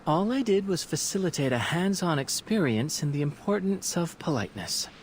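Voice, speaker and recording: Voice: mid-range voice, sing-song, normal speed, a little hiss or hum, close to an everyday voice. An actor playing a sly, playful, confident scholar in a video game, with a wry, flowery, theatrical manner. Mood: sly, smug. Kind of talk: video game character dialogue.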